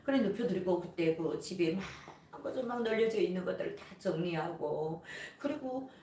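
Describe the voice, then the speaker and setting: A woman's voice: on the low side, lively intonation, moderate pace, mellow. A woman from North Korea with a North Korean accent, a missionary telling her faith testimony with emotion and acting out the prayers and voices she quotes. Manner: storytelling, acts out prayers and quotes. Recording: roomy, from a distance, faint noise.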